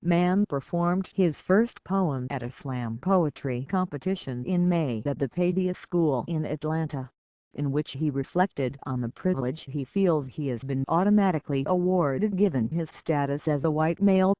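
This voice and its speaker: A news narrator reads a scripted report at a mid pitch, neither high nor low. The delivery is even and measured, and the sound is dry and close, with no room echo. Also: lo-fi sound.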